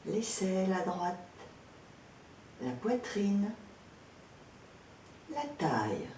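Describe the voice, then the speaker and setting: A female yoga nidra instructor gives spoken instructions for a guided relaxation meditation, unhurried and soothing with a swaying intonation. She is calm and gentle and pauses often. The recording is roomy and distant, with echo, background noise and rumble.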